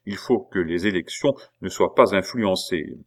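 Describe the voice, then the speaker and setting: A man's voice: deep voice, unhurried. A man voicing a self-important young male village captain who gives orders in a grand, solemn manner. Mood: commanding. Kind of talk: audiobook character voice.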